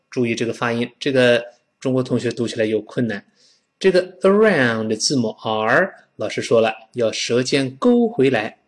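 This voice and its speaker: A man leads an English pronunciation lesson, and his pitch rises and falls in a lively way. He is animated and playful and acts out example sounds. He drills each word slowly so listeners can repeat after him. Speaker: English teacher.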